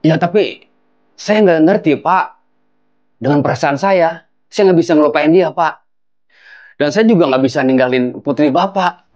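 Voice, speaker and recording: An actor playing a pleading, apologetic young husband. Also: male voice, fairly high pitch, normal speed, long pauses, a little mellow, muffled recording, natural voice. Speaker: son-in-law. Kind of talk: low-budget film acting.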